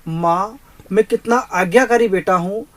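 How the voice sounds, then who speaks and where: A man's voice: high-pitched, a little slow, low-quality recording. A man reciting a poem in the voice of a young adult son, repeatedly calling out to his mother from a party. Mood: pleading. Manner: pleading, repeating "mother" over and over.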